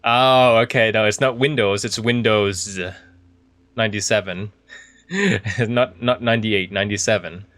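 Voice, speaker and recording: A man's voice: lowish voice, fairly even intonation, a little slow, a bit bright, no room sound. A man giving casual video game commentary, thinking aloud in a chatty, easily impressed way. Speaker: video game streamer playing an indie horror game.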